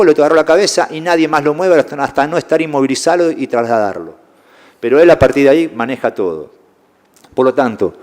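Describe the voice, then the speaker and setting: Argentine guy teaching a room of young refs, keeps checking in with them, mid pitch, long hall echo. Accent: Rioplatense Spanish. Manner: explanatory, keeps checking in with "¿eh?" and "fíjense". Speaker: sports medicine lecturer. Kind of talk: classroom lecture to young referees. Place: lecture hall.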